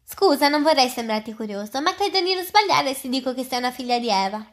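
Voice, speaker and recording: A woman's voice: high voice, expressive, fast. A woman reading the lines of a polite, nervous male faun in a storybook, courteous and a little flustered. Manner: courteous, eager, slightly flustered. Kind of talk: reading aloud.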